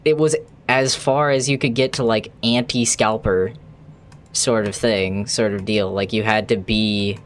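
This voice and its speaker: This man's lowish voice stays steady and unhurried over a little hiss or hum. He's a gaming streamer rambling chattily to his viewers as he plays, with an occasional swear word.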